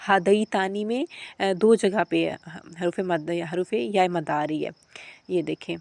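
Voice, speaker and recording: A woman with a Pakistani Urdu accent teaching a Quran recitation lesson. She draws out each practice word slowly, then explains the rules quickly. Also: on the low side, gravelly, a little mellow, no room sound. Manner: stretches practice words slowly, explains briskly between them. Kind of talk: tajweed lesson with slow drilled recitation.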